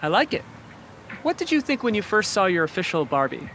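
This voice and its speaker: A man asking quick, upbeat rapid-fire questions as an interviewer. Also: high-pitched, big pitch swings, fairly bright tone, slight background noise.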